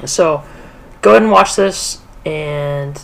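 A man's voice: on the high side, slow pace, gravelly, a little hiss or hum. A young man hosting a casual fishing vlog, talking straight to viewers on an action camera. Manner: enthusiastic, addresses viewers directly. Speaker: fishing vlogger. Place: indoor den, then outdoors on a farm pond.

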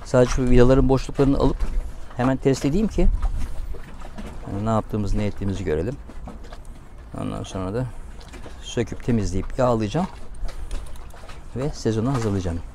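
A man's voice: mid-range voice, expressive, normal speed, pauses often, mellow, slight background noise. A man, thinking aloud and explaining each step as he repairs gear on a sailboat. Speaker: sailing vlogger. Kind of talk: casual hands-on commentary while working. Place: on a sailboat deck in a marina, outdoors.

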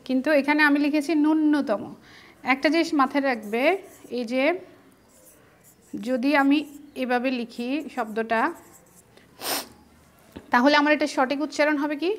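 Female teacher, Bangladeshi Bengali accent, high pitched, patient step-by-step online lesson delivery. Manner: patient, explains step by step to students.

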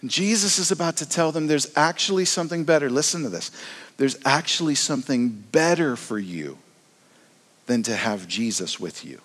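A man preaching a sermon as pastor, in a relaxed, storytelling way with frequent restarts. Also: mid-range voice, normal speed, big-room sound.

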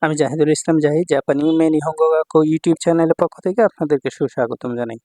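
A man's voice: a little high, fast, mellow, no room sound. A male Japanese language teacher explaining kanji patiently, repeating words and often checking that students follow. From Bangladesh.

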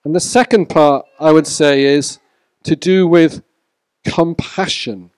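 A man preaching a sermon to a church congregation in a measured way, sometimes speaking to people in the room. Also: a little high, a little mellow, clear, resonant tone, dry recording. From Wales.

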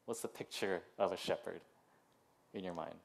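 A man's voice: low-pitched, moderate pace, vocal fry. A man in his thirties giving a casual sermon as pastor in a church, chatty and full of "like" and "um", with laughing asides. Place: church sanctuary.

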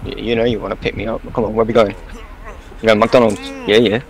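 A man's voice: lowish voice, flat delivery, fast talker, rough recording. A young man bantering casually with a friend while playing a game, teasing and mock-indignant. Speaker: gamer. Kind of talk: casual gaming chat.

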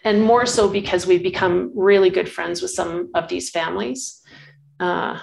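A woman's voice: lowish voice, fairly even intonation, normal speed, creaky, a little mellow, slight background noise, low-quality recording. A woman in her sixties, a guest photographer, telling stories in a casual interview in an earnest, rambling way full of restarts. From Canada.

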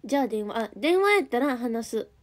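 A young woman with a Kansai accent talks casually on a livestream, her voice sitting a little higher than most. She chats freely, reading out viewer comments and answering them as she goes. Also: very animated, brisk. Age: young adult. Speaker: idol group member streaming live.

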